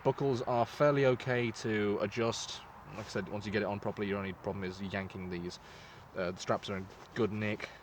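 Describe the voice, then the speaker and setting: A man's voice: fairly low pitch, steady tone, brisk, hardly any pauses, a little hiss or hum. A man giving a casual, informal product review as the host, talking in a loose, sweary way. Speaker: host reviewing gas masks.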